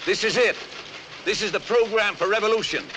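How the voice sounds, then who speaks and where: An actor playing a boastful, commanding older general laying out a grand scheme, from a noisy old film soundtrack. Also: male voice, high voice, brisk, close to an everyday voice. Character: bombastic scheming anti-communist general, older man.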